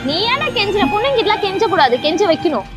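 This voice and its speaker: A woman's voice: very high voice, sing-song, fast talker, over loud music. A woman interviewing passers-by outdoors on a street, firing off teasing, probing questions. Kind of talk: street vox-pop interview.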